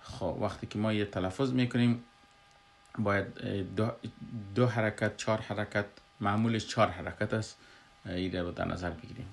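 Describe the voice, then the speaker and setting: A man with an Afghan Dari accent explaining a Quran recitation lesson, pausing often with filler sounds. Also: on the low side, fairly even intonation, vocal fry. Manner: halting, frequent filler hesitations.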